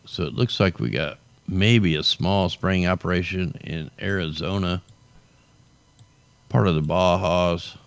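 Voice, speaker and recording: This show host has a low, gravelly, resonant voice that comes through clear, speaking unhurriedly with no room sound. Tired and losing his voice, he gives loose, conversational weather commentary over satellite maps, drawling "man" at the ends of his lines.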